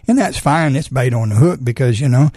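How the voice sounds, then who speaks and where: A man's voice: medium pitch, animated, fairly quick, mellow, slightly rough, dry recording. A man talking casually about cars on radio as a garage-owner guest, in a folksy, plain-spoken way. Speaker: auto repair shop owner, radio guest. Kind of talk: casual radio talk about car repair.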